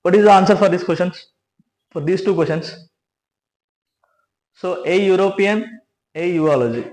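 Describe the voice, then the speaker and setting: A man's voice: sits high, moderate pace, a little mellow. A man teaching grammar, explaining step by step with many restarts and frequent checks of "right?". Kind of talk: classroom grammar lesson. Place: classroom with a board. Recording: echoey room.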